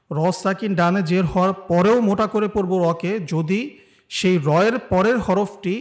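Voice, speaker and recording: A male recitation teacher with a Bangladeshi Bengali accent and a somewhat high voice. He lays out each rule patiently, then draws the example words out slowly for his students to echo back. The delivery is an unhurried, step-by-step lesson.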